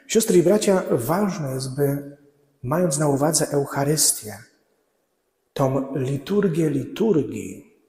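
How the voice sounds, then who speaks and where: A middle-aged man delivers a slow, measured sermon from the lectern of a large church. His tone is mellow and dark, and it falls quiet at scripture quotations. The long reverb of the church hangs around every phrase. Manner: slow, measured preaching with drops to a low voice at quotations. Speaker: priest. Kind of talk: Lenten sermon. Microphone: far camera.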